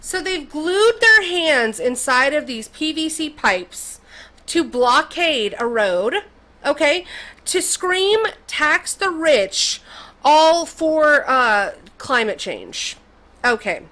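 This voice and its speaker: Bright, sharp-toned woman host ranting. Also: high-pitched, sing-song, slow pace, rough recording. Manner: sarcastic, mocking, repeats "okay?". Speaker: commentary channel host. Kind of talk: opinionated commentary rant.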